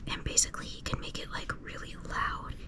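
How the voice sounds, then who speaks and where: A woman speaking in a hushed whisper, rambling casually and slangily in a soft ASMR style. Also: a little fast. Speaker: ASMR creator.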